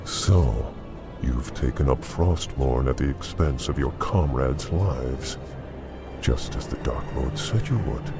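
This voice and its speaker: An actor playing an arrogant, taunting demon in a video game, with a gravelly, sinister, imperious dark lord delivery. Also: male voice, rumbling low, takes it slowly, over music, full character voice. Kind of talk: video game cutscene acting.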